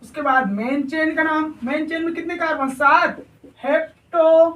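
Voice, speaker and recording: A man teaching a chemistry lesson in a high voice, with the sound of a bare, echoing room. He is a bit far from the microphone. He poses questions to the class and answers them himself. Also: fairly even intonation, a little slow, fairly bright tone. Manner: checks in often with the class. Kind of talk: classroom lecture at a whiteboard. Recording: echoey room, voice far from mic.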